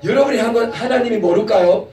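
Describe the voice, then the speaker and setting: A male pastor giving a lively children's sermon in a church, often asking the children questions. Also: very high-pitched, fast. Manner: animated, asks children questions. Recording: echoey church hall, mic from a distance.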